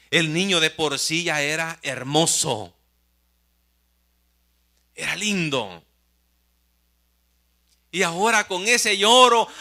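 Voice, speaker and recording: A male pastor preaching a sermon, swinging from loud exclamations to hushed near-whispers and speaking directly to the congregation. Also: on the high side.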